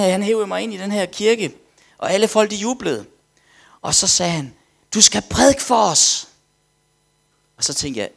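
A man preaching, telling a story animatedly, acting out quotes and dropping to whispers. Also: a little high. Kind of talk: sermon testimony storytelling.

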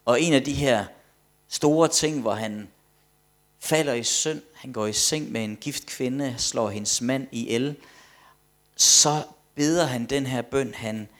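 A medium-pitched man preaches a sermon with emphatic delivery. He swings between loud declarations and hushed asides, often repeating words as he builds a point.

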